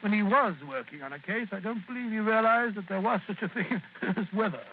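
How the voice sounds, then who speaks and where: Dr Watson, a chuckling old storyteller. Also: male voice, high-pitched, brisk. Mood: genial. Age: older. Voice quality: warm, chuckling, stammering. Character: older male Dr Watson, genial, chatty and sentimental. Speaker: narrator and storyteller. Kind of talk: 1940s radio drama acting. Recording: tinny old radio broadcast with faint hiss.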